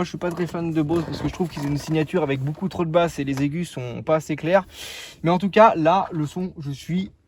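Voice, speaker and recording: A man's voice: on the high side, darkish tone. A young man casually showing off his car outdoors, joking and rambling with lots of fillers. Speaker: car vlogger.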